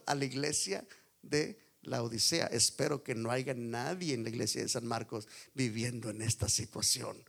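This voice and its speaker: Impassioned male Spanish-language preacher. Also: a little high. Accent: Puerto Rican Spanish. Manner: preaching with wide swings from hushed to loud. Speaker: pastor. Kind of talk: sermon.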